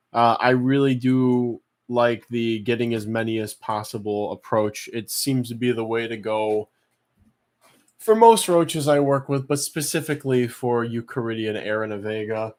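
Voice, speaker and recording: Rambling man hosting a casual live stream. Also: on the low side. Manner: rambling, halting, thinking aloud. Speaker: online auction host.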